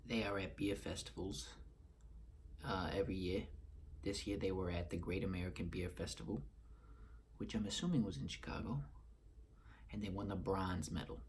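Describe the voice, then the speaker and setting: A man's voice: low-pitched, normal speed, pauses often, a little hiss or hum. A man in his thirties with a Boston accent, giving a casual beer review and partly reading aloud in a room at home.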